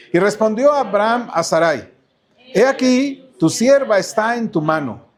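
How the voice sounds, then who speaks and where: A man with a Mexican Spanish accent preaching a sermon as pastor in a church, asking the congregation questions and often repeating his words. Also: sits high.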